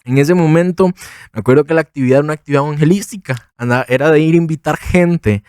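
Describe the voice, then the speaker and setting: A man's voice: racing, smooth, no room sound, studio quality. A young man from Costa Rica telling his conversion story casually on a podcast, acting out the people he quotes. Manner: animated storyteller, quotes others with big pitch jumps. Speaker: podcast co-host. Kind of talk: casual testimony.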